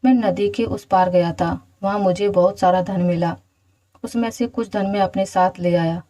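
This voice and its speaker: Clever young man, read by a woman, storybook, plain calm manner, mellow dark voice. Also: mid-range voice, moderate pace, lightly acted, rough recording.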